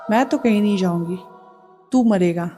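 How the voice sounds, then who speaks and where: A woman's voice: mid-range voice, normal speed, dark tone, natural voice. A woman voicing a possessed young wife whose spirit taunts and threatens the family and a priest. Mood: menacing taunt. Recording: music playing behind the voice.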